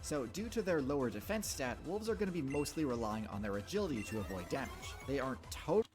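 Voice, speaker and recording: Animated man narrating over music. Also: mid-range voice, fairly quick. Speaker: video narrator. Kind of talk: scripted narration, mock-documentary explainer. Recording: clear music bed behind narration.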